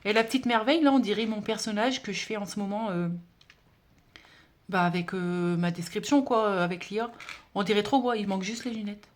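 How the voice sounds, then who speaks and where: A woman's voice: medium pitch, a little fast. A woman vlogger chatting casually as she unboxes a parcel, gushing and exclamatory, with many fillers. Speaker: budget-challenge vlogger.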